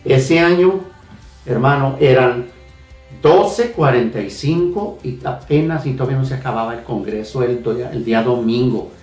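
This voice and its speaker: A man's voice: mid-range voice, moderate pace, a little mellow. Earnest man giving a faith testimony. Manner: earnest, repeats phrases, many hesitations. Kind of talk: emotional spoken testimony. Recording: echoey room, heard from a distance, faint music.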